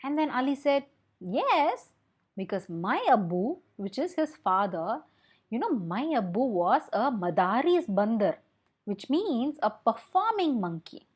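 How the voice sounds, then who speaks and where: Reading a picture book to kids, this young Indian-accented woman explains along the way and poses questions with lots of expression. She sounds husky, pitched on the high side, and speaks a little slowly.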